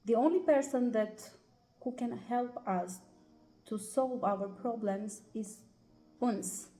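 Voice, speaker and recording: Slow, hesitant Albanian-accented woman. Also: a little high, mellow. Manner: hesitant, many pauses and "uh" fillers. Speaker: guest. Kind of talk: personal life story in an interview. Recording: roomy echo.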